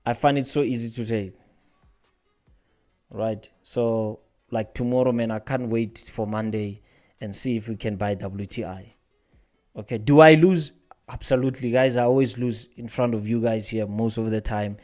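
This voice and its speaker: A man's voice: fairly low pitch, steady tone, normal speed, a little mellow, faint music behind. Rambling male livestream host. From South Africa. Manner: rambling, repeats words, answers viewers' chat questions. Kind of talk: casual livestream chat.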